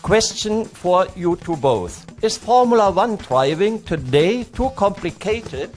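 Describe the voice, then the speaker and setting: A man, a newspaper reporter, works through a long, earnest question read from paper. His voice is a little high and swings widely in pitch. Faint music sits underneath. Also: big pitch swings, takes it slowly. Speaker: newspaper journalist. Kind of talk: formal press conference questions.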